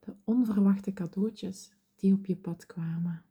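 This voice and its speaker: Slow, whispering meditation guide, a woman. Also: mid-range voice, steady tone, breathy edge. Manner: slow, soothing, gentle.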